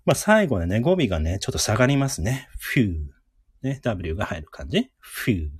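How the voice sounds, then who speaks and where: A man hosting a casual live radio lesson, chatty and encouraging, who repeats each word slowly for listeners to drill. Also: medium pitch, big pitch swings, husky, no echo, clean studio sound. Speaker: radio host teaching English words.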